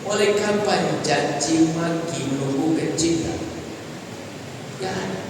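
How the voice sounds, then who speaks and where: A man preaching a lively sermon in a large mosque, teasing and acting out short dialogues. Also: on the high side, slow. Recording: echoey hall from far off with room noise.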